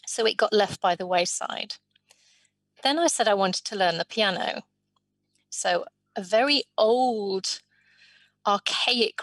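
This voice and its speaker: Measured woman telling her story. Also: mid-range voice, fairly bright tone, no room sound. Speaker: sign language interpreter voicing the guest. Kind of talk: first-person life story in an interview.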